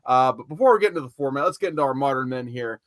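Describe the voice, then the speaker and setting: A man hosting a live comic-book stream, introducing his guests in a lively, upbeat casual chat over a home mic. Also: medium pitch, rapid-fire, no echo, clean studio sound. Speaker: podcast host.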